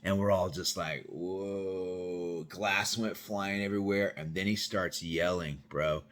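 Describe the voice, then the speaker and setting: A man's voice: deep voice, fairly even intonation, normal speed, a bit bright. A man telling a personal story in a loose, rambling way, full of "you know" and "bro.". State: sweaty after yard work. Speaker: vlogger telling personal stories. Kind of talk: casual spoken storytelling.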